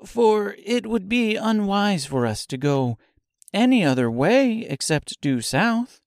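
An earnest, polite young girl with a high, gentle voice, as a male reader puts her on. She speaks slowly and carefully. The recording is dry and close. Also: sing-song, dry recording, exaggerated voice.

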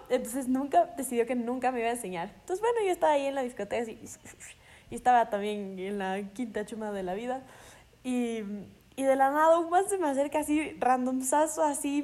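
A young woman speaks in casual podcast chat, her voice sitting a bit high. She tells stories with lots of energy and plays out the lines of the people in them. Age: young adult. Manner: animated storyteller acting out quotes. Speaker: podcast co-host.

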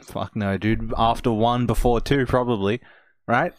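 A man's voice: mid-range voice, steady tone, measured pace, no room sound. A young man co-hosting a podcast, joking crudely and laughing easily in casual chat. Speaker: podcast co-host.

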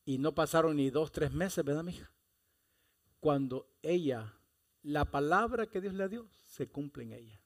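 A man preaching a sermon, speaking with passion and rising to loud exhortations. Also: a little high, animated, measured pace. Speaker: pastor.

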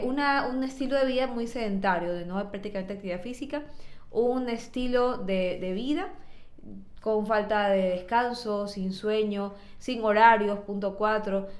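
Chatty upbeat woman in a roomy space. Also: mid-range voice. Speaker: nutritionist podcast host. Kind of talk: casual podcast talk.

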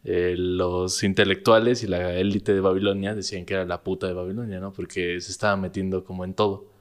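A man's voice: low-pitched, little pitch movement, a little fast. A man with a Mexican accent co-hosting a podcast, cracking jokes and explaining casually. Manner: wisecracking, laughs a lot. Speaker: podcast co-host.

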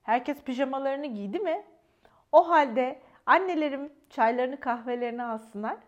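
A woman reads a bedtime story aloud for children in a gentle, soothing manner. She often turns to speak to her little listeners directly, and her voice sits quite high. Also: animated, moderate pace, lo-fi sound.

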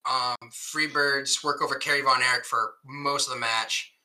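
On a low-quality recording, a male podcast co-host recaps things casually at a moderate pace in a mid-range voice. He's animated, laughing often and swearing freely.

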